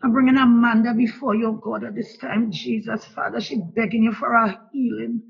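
A Trinidadian woman leads a fervent, pleading spoken prayer, returning to "Lord" again and again in a steady rhythm. Her fairly high voice is gravelly and husky at a normal speed, and the lo-fi recording sounds dull.

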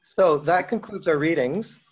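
Man as panel moderator, halting delivery with many fillers, muffled lo-fi recording. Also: on the high side, slightly rough. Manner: halting, frequent ums and restarts. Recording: dull lo-fi event audio.

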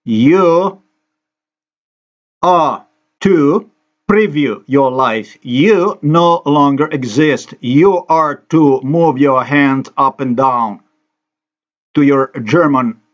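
A man's voice: a little high, very slow, long pauses, highs cut off. A man from Slovenia, a native Slovenian speaker, giving an angry, accusatory, repetitive monologue over a screen recording.

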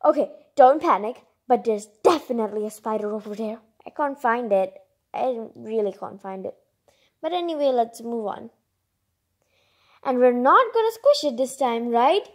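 With lively intonation and a fairly high voice at normal speed, a woman reads a children's picture book out loud. She keeps it expressive and casual, sprinkling in asides and exclamations.

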